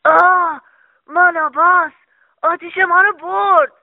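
A woman voicing an old male sorcerer in a children's audio story, speaking in loud exclamations. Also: sits high, no room sound. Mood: upset. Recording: dry, phone-like sound.

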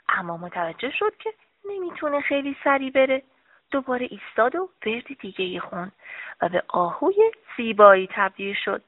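A woman narrating a children's story with gentle, expressive storytelling. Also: mid-range voice, no echo. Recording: dry, narrow phone-like sound.

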